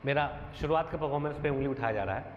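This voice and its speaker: A man's voice: medium pitch, racing. A male teacher, defending himself point by point in an earnest, aggrieved monologue. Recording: echoey dull room sound, faint noise.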